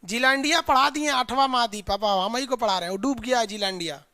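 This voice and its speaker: Chatty teacher drilling a class. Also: male voice, very high voice, fast, pushed and bright, dry recording. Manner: drills class in call-and-response lists; chatty, scolding asides to students. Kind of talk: live online geography class.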